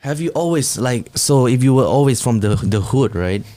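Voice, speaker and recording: A man hosting a podcast, chatting casually in an excitable way, stumbling over his words and using slang like "bro" and "man". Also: mid-range voice, moderate pace, a little hiss or hum. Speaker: podcast host.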